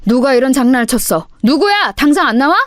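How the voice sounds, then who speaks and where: A woman's voice: high-pitched, lively intonation, fairly quick, dry recording, studio quality, voice pushed up. A woman voicing a stern male homeroom teacher who barks angry scolding, in an audio story. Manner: barking, scolding.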